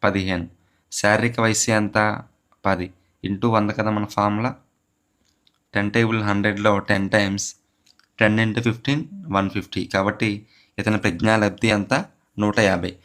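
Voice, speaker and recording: A man's voice: on the low side, fairly even intonation, normal speed, pauses often, fairly bright tone. A man teaching psychology for a teacher exam, asking a question and then answering it himself, and repeating key terms to drive them home. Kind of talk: exam question walkthrough lecture.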